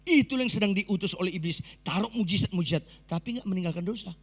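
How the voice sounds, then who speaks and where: A man preaching a sermon as pastor with an Indonesian accent, swinging between loud exclaiming and low emphatic asides and quizzing the congregation. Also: lively intonation, fast, husky. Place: church hall. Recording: long church reverb.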